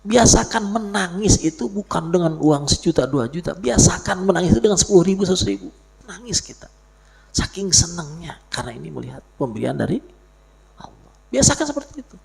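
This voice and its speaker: Gravelly, lively Indonesian-male preacher. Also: high voice, brisk. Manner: explains Arabic text in Indonesian, lively and joking. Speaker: religious teacher. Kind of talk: sermon. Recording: live audio stream.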